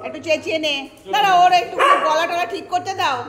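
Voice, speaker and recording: A woman's voice: very high voice, fast talker, long reverb tail, heavy background noise. A woman talking to her dogs outdoors in coaxing, sing-song baby talk. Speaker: dog owner filming her pet. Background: dogs barking.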